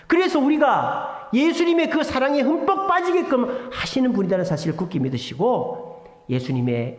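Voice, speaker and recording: A male pastor preaching a sermon, emphatic, swinging between loud exhortation and hushed asides. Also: high voice. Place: church sanctuary. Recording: echoey church hall with long reverb.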